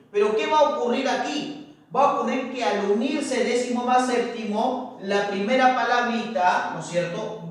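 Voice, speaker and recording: A male teacher giving a grammar lesson, repeating key words slowly and constantly checking understanding with tag questions. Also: sits high. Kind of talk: classroom grammar lecture. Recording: very echoey room, distant mic.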